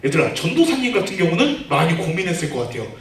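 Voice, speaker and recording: A man's voice: on the high side, wildly swooping pitch, fast, a bit bright. A man, a junior pastor, giving a children's sermon, asking the children questions and leading them in reading aloud. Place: church room. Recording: echoey room, far from the mic, faint noise.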